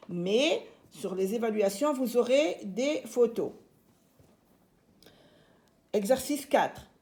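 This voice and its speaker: Slow, patient woman teaching syllables. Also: a little high, mellow. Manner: slow, clearly segmenting syllables; patient, reassuring. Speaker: primary school teacher. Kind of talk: remote reading lesson for young children.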